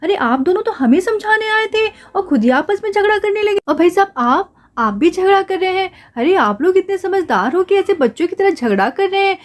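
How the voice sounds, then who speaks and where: A woman's voice: very high voice, animated, brisk, few pauses. A woman doing a lecturing, reproachful aunty. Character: reasonable middle-aged aunty lecturing a feuding couple.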